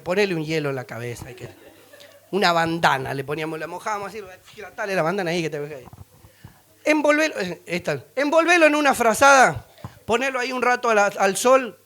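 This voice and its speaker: Animated high-voiced Rioplatense pastor. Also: male voice. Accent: Rioplatense Spanish. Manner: animated, acts out voices and sings snippets, laughs often. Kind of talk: humorous sermon storytelling.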